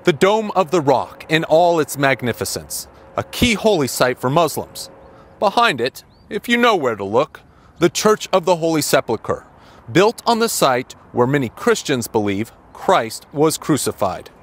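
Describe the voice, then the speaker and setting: A man delivering a field news report as a foreign correspondent, speaking outdoors in measured, formal tones. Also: a little high, very animated, fairly bright tone. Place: outdoors on a city street.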